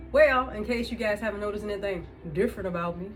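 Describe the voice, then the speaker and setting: A woman in her fifties chatting casually to camera as a vlogger, laughing often between thoughts. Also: mid-range voice. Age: 50s. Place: indoors, room with music she turned off.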